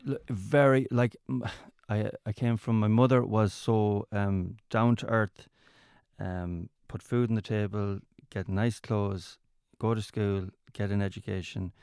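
Low-voiced man, west of Ireland accent. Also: fairly even intonation, a little mellow, clear, resonant tone, dry recording, clean studio sound. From County Mayo, west of Ireland. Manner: halting, repeats words and restarts phrases often. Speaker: interview guest, comedian and entertainer. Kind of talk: casual conversational storytelling.

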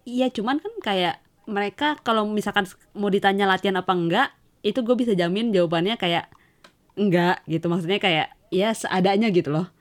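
A young woman chats in a lively, teasing way, laughing often and pushing back playfully. Her voice sits at an average pitch for a woman. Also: fairly quick. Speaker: guest, futsal player. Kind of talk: casual chat.

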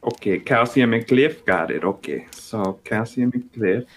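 In an improvised comedy bit, a man with a husky, medium-pitched voice and a measured pace plays a vain, tipsy actress, putting on a Colombian Spanish accent. The character is haughty and blunt, and she rambles in a tipsy, superior mood.

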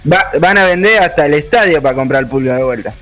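A man trades sarcastic, mock-serious jabs as a pundit on a comic football panel. His voice sits a bit high, and he delivers every joke with a straight face. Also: animated, quick pace, fairly bright tone, soft background music.

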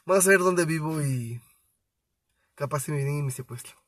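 A man's voice: fairly high pitch, moderate pace, fairly bright tone, dry recording, low-quality recording. A young man with a Mexican Spanish accent, co-hosting a podcast in casual, playful banter full of crude slang. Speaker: podcast co-host.

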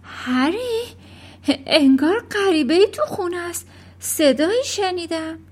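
A woman's voice: very high voice, pitched above the performer's own voice. A woman reading a children's storybook aloud, voicing a frightened middle-aged mother who panics and shrieks. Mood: alarmed. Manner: panicky, shrieking and whispering in turns.

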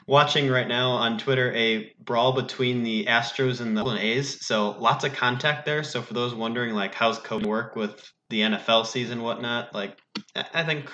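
A man's voice: mid-range voice, steady tone, moderate pace, bright, forceful tone, dull audio. A man co-hosting a sports podcast in casual, rambling chat, his voice slightly distorted because he has no proper microphone. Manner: loose and rambling, many "like"s. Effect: slightly distorted audio, no proper microphone. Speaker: podcast co-host. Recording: echoey, distorted room sound without a proper mic.

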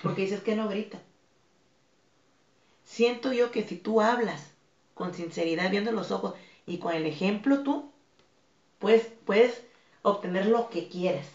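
A Mexican woman with a Mexican Spanish accent, speaking as a guest in a podcast interview, earnest and firm, softening her voice when she acts out calm replies. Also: medium pitch, measured pace, long pauses. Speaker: guest, dance academy founder. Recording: echoey, dull lo-fi room.

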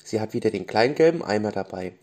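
Gentle bedtime storyteller, man, warm low-bright voice with lively melody; brief: soft and unhurried. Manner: gentle, with small restarts. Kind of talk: children's bedtime story reading.

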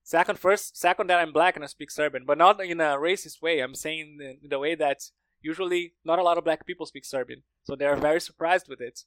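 A Brazilian man, a native Portuguese speaker learning another language, chats casually on a podcast and tells stories full of "like" and "you know." His voice is fairly high, quick and a bit bright. The recording is dry and the audio quality is poor.

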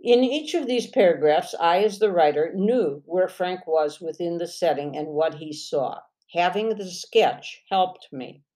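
A woman author teaching fiction writing, reading passages from her own novel aloud in a measured way and often clearing her throat. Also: fairly low pitch, animated, dark tone. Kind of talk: lesson with read-aloud novel excerpts.

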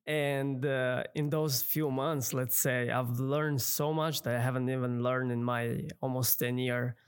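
A man hosts a podcast in casual, eager talk. His voice sits in a middle pitch. His phrasing shows he is not a native speaker. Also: fairly even intonation, slow, smooth. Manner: non-native phrasing, enthusiastic. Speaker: podcast host. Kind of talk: casual interview chat.

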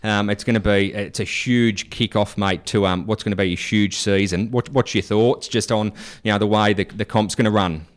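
A man's voice: lowish voice, steady tone, normal speed, few pauses. A blokey Australian man co-hosting a casual radio show, talking like a mate. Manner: blokey, matey. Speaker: radio co-host.

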